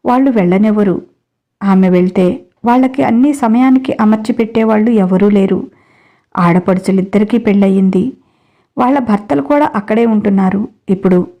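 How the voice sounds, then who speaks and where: A woman narrating a dramatic family story in a steady storytelling way. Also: medium pitch, moderate pace.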